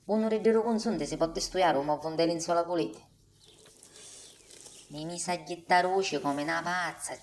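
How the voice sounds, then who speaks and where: A woman's voice: fairly low pitch, moderate pace, long pauses, darkish tone, natural voice. A woman playing a hot-tempered, complaining wife and mother in a comic dub, speaking broad Sicilian dialect from Catania. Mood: exasperated.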